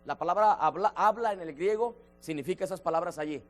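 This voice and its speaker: In a church sanctuary, a man with a high-sitting voice leads a Bible study over soft background music. He is emphatic, slowing down to stress key words and calling listeners by name.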